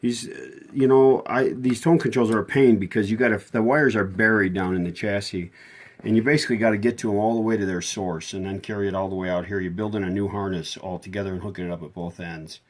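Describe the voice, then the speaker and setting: This man talks quickly in a fairly low voice, presenting a radio restoration video. His repair walkthrough is casual and unscripted, with a rambling, folksy style.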